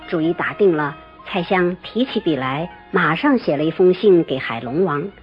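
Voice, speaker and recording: A woman telling a folktale in scripted narration, expressive and lively. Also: fairly low pitch, normal speed. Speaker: storyteller. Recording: muffled lo-fi recording, soft music.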